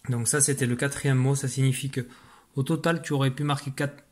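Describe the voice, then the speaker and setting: A man's voice: mid-range voice, fairly even intonation, brisk. A man teaching a children's dictation lesson, patiently spelling words syllable by syllable. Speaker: primary school teacher.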